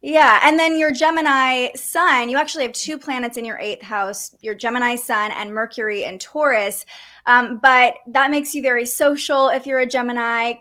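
A woman hosting a podcast, giving a conversational astrology reading in a gentle, explanatory way. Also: on the high side. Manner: gentle, explanatory, with light laughs and fillers.

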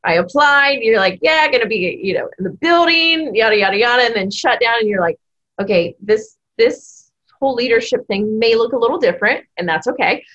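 A woman in her thirties tells a personal story on a podcast, energetic and emotional, tripping over restarts. Her voice is a little husky. The sound is dull and lo-fi. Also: medium pitch. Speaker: assistant principal.

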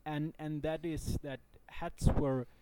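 A man chatting casually as a podcast co-host in a halting, hesitant way. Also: on the high side, steady tone, mellow, a little hiss or hum.

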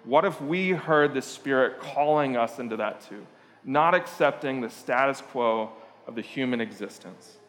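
A man's voice: mid-range voice, moderate pace, a bit bright. Chatty preacher man in a reverberant hall. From Portugal. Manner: conversational storytelling with frequent "uh" fillers and asides. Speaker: pastor. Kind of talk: sermon.

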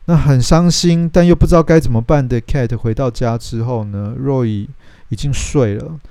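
A man's voice: mid-range voice, moderate pace, warm tone, clear, resonant tone, no echo. A man, telling the plot of a film in a casual, chatty way and acting out the characters' lines. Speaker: host retelling a film plot. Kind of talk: casual storytelling film recap.

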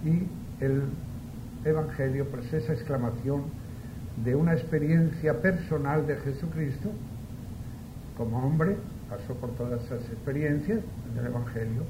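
A male priest delivers scripture and homily in an earnest, direct manner. His mid-pitched voice rings with cathedral-like echo, and clear background noise sits behind it. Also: a little slow. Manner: earnest, conversational preaching with rhetorical questions. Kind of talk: liturgical Gospel reading and informal homily. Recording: echoey church sound, clear background noise.

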